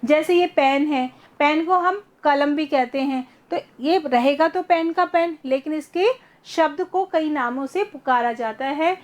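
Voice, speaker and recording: Woman teacher, high voice, patient explainer, online lesson on a video call. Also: measured pace. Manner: patient, explains step by step, asks students questions.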